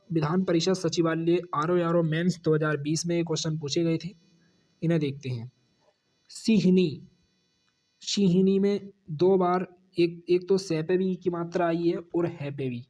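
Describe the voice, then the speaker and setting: Exam students get a spelling lesson from a warm-toned man with a Hindi accent, who repeats each corrected word and drops his voice low on the answer.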